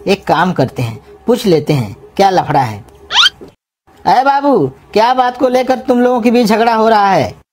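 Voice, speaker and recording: A woman voicing a bald, self-important male street food vendor who scolds and threatens loudly in a comedy cartoon. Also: mid-range voice, big pitch swings, normal speed, noisy background, lightly acted. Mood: puzzled. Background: music.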